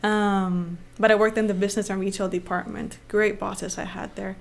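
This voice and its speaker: A woman's voice: mid-range voice, moderate pace, gravelly. Honduran-born woman chatting and laughing easily. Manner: animated, laughs easily, fillers like um. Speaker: financial advisor guest. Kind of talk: casual interview conversation.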